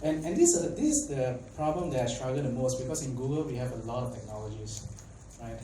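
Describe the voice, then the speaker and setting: Animated and warm, this young Malaysian man talks at a quick pace in a medium-pitched voice during a casual tech conference talk. He's chatty, uses lots of fillers, and frequently engages the audience with questions. The conference hall sounds echoey, the mic is distant, and faint noise sits in the background.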